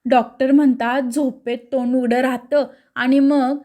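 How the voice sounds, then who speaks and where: A woman's voice: high voice, level tone, unhurried, mellow. A woman reading the part of a meek, sleepy male government clerk who snores. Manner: meek, apologetic.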